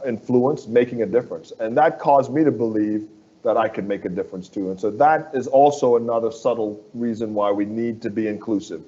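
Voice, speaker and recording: A man's voice: fairly low pitch, dark tone. Earnest man from the Bahamas, lo-fi sound. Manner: earnest, persuasive, repeats phrases for emphasis. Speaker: construction firm executive. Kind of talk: interview guest.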